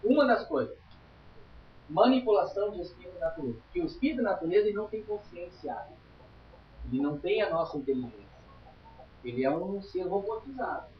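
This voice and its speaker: A man's voice: high-pitched, animated, quick pace, distant mic, slight background noise. A man teaching a spiritualist study group in an informal lecture, chatty and emphatic, often checking in with his listeners. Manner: chatty, emphatic, tags lines with "tá?". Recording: roomy, dull lo-fi room recording.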